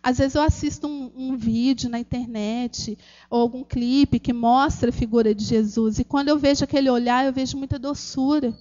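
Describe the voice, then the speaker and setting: A woman's voice: high-pitched, fairly even intonation, normal speed, mellow, lo-fi sound. A Brazilian woman with a Brazilian Portuguese accent giving an earnest, emotional personal testimony at a church gathering, speaking directly to the audience with frequent restarts. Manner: earnest, addresses the audience as "gente", many restarts.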